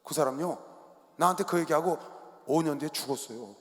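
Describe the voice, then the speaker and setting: Male pastor, high voice, sermon in a big arena with long reverb, shouts then drops low. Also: fairly quick, gravelly. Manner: preaching with sudden shouts and quiet asides. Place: large sports arena.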